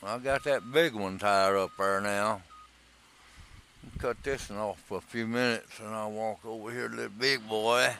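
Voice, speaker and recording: A man's voice: fairly low pitch, steady tone, unhurried, pushed and bright, a little hiss or hum. A man, rambling in casual commentary while he plays a farming game, folksy and drawling. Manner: drawling, rambling, folksy talk to himself and viewers. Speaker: gaming streamer.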